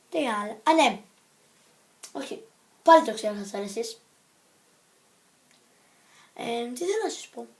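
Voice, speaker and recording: High-pitched woman rambling in a vlog. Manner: scattered, jumps between topics and self-corrects; playful and silly. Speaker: vlogger.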